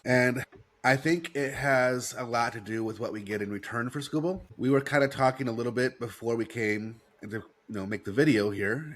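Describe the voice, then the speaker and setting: An American sports talk host with a head cold sounds stuffy-nosed and breathes through his mouth. His voice is on the low side and slightly bright, and he repeats his points for emphasis.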